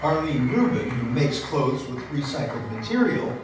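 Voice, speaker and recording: A male reporter narrating a news feature in a measured, crisp way. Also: mid-range voice, big pitch swings. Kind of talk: scripted narration. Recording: echoey, distant, noisy.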